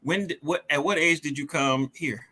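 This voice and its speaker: A man's voice: on the high side, normal speed, pushed and bright, slightly rough. A man hosting a podcast, asking questions in a friendly, rambling way with many uhs and restarts. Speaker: podcast host. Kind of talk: casual interview.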